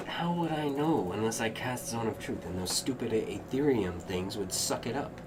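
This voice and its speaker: A man's voice: fairly low pitch, animated, normal speed. A man playing a tabletop role-playing game, talking casually with the other players. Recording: noticeable noise behind the voice.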